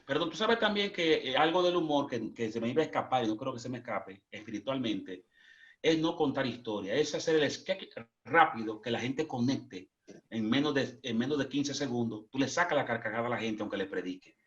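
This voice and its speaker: A Dominican man who preaches, telling stories animatedly and jumping into high, excited voices when he quotes people. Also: a little fast. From Dominican Republic. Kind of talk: animated storytelling. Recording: lo-fi muffled.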